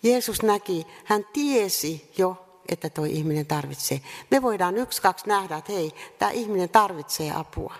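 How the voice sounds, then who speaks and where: Gravelly-voiced woman preaching in a hall. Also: on the low side, expressive. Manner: earnest, repetitive rhetorical questions with pauses. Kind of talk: sermon. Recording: reverberant hall sound.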